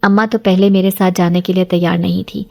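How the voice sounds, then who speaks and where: A woman narrating a first-person horror story in a steady, earnest storytelling way, as scripted narration. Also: lowish voice, creaky.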